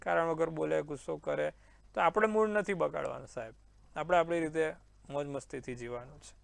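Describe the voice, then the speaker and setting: On his astrology program, a man reads out daily horoscopes and advises callers, reassuring them with confidence and calling them sir. His voice runs on the high side and is gravelly, a little fast, with no echo.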